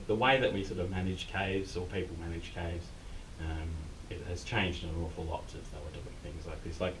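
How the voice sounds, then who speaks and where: A low-voiced Australian man gives an informal, unscripted guided tour inside a cave. He is picked up from a distance, with a noticeable rumble of background noise around his casual explanations. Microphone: distant camera mic.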